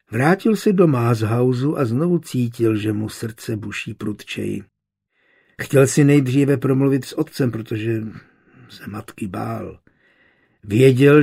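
Guy reading a novel aloud, gravelly husky voice, steady and measured. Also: mid-range voice. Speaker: audiobook narrator. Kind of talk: scripted novel narration.

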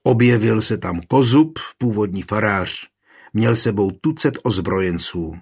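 A man's voice: on the low side, husky. A man reading the part of a beaten preacher, out of breath and indignant, speaking urgently.

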